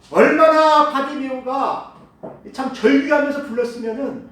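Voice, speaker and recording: Male pastor, high and lively sermon voice, echoey hall, mic at a distance. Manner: emphatic preaching, swinging between loud calls and hushed asides. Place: church sanctuary.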